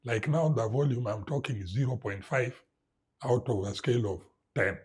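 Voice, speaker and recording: This slightly rough, mid-range male voice moves at a moderate pace. It belongs to a middle-aged interview guest with a Kenyan English accent who tells a lively story, imitating sound effects and sprinkling in Swahili.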